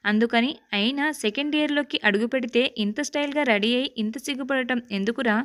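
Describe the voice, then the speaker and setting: A woman's voice: a little high, a little fast, lightly acted. A woman doing a feisty exasperated young woman. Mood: teasing sisterly. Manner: indignant, scolding, exasperated.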